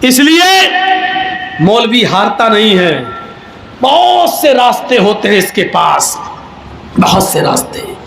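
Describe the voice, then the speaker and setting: A man preaching in a very high voice, animated as he acts out each character in his stories and breaks into shouts. The sound is echoey, like a hall, with a faint hum behind him. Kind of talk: sermon with humorous storytelling.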